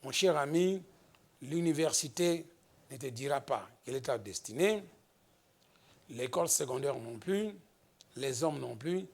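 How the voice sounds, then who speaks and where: A man from the Democratic Republic of the Congo preaching a slow, emphatic sermon as pastor, rising into exhortations. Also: mid-range voice, lively intonation, vocal fry, a little mellow.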